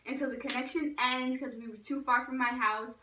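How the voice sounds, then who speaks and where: Bright-voiced young woman in an echoey room. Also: sits high, fairly even intonation, fairly quick, recorded from a distance, slight background noise. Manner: chatty storytelling, acting out quoted voices loudly. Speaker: vlogger. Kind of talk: casual storytime vlog.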